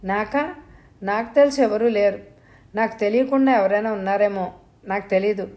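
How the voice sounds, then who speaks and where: A woman voicing a frightened, shaken young woman in an audio story, giving hushed, uneasy replies. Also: mid-range voice, moderate pace, lightly acted.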